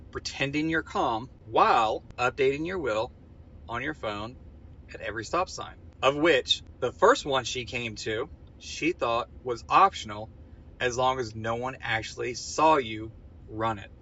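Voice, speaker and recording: Bright-voiced man telling a wry comic story. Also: mid-range voice, muffled recording. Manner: dry, wry asides and punchlines.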